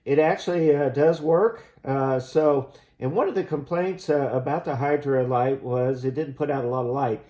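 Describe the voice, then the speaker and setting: Mellow-voiced man presenting a gear review. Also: mid-range voice, fairly even intonation, moderate pace. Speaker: host of a gear review channel. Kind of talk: casual product review to camera.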